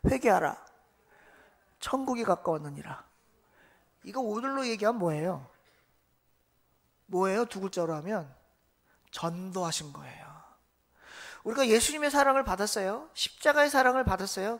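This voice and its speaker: A man's voice: sits high, expressive, brisk, fairly bright tone. A male pastor giving a Sunday sermon. He retells Bible stories, acts out the quotes and quizzes the congregation.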